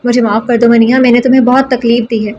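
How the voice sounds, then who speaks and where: Woman narrator plays a remorseful young husband in a storybook reading, earnest and coaxing, a bit high. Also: level tone, mellow, dull audio, slight background noise, natural voice. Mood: pleading.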